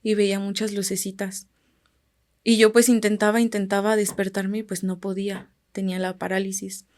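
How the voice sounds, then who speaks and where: A woman with a Mexican Spanish accent telling a story on a podcast. Her voice sits at a middle pitch and stays calm. Her phrases often sink to near a murmur as they finish. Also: normal speed. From Guerrero, Mexico. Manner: calm, often trailing off quietly at phrase ends. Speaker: podcast guest. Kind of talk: casual storytelling.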